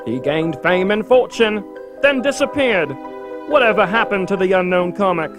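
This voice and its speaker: A man narrates a mock documentary in a dry, self-undercutting way. His voice sits fairly high. Music plays clearly behind him. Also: expressive, moderate pace.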